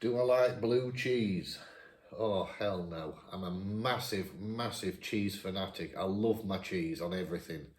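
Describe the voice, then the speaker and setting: Northern english guy, 50s, chatty q&a, lowish voice, echoey room. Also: measured pace. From England. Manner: chatty, reads each question out brighter and louder. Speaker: vlogger. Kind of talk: casual Q&A chat.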